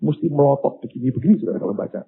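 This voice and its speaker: An older man, preaching a sermon with storytelling and animated, sometimes loud exclamations. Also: fairly high pitch, racing, creaky, slight background noise. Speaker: pastor. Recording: phone-like thin sound.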